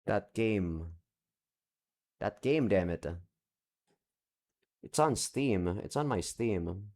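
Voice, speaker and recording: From his home room with several monitors, a young visual novel let's play creator, not a native Japanese speaker, gives viewers a loose, unscripted update. His fairly low, darkish voice is expressive with drawn-out words, and he rambles, breaks off mid-sentence and swears casually while searching his screens.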